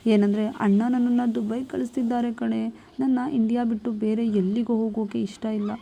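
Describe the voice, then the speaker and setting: A woman's voice: fairly high pitch, flat delivery, fairly quick, gravelly, warm tone. A woman voicing a naive, lovestruck young man who whines and pleads. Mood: whiny. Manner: whiny, pleading.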